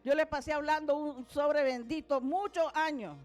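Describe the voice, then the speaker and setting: A woman preaches a sermon at a church service in a high, ringing voice. She speaks emphatically and keeps calling out to the congregation. Soft music plays underneath. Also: fairly even intonation, moderate pace.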